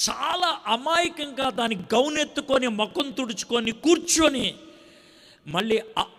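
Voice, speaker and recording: Impassioned preacher man in echoing hall. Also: sits high. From India. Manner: impassioned, swings from loud outbursts to hushed pleading. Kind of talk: sermon. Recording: long hall reverb.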